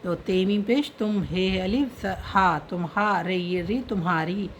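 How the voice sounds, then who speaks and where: A woman's voice: mid-range voice, slow pace, a little hiss or hum. A woman teaching an online reading and writing lesson, patiently spelling out letters and their sounds one by one.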